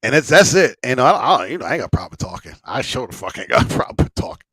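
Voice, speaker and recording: A man's voice: mid-range voice, big pitch swings, fast talker, a bit bright, slightly rough, no echo. Rambling, slangy man hosting, dry close sound. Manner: rambling and repetitive, frequent swearing, slangy. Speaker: host of a live smoke-session stream. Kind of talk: casual livestream chat.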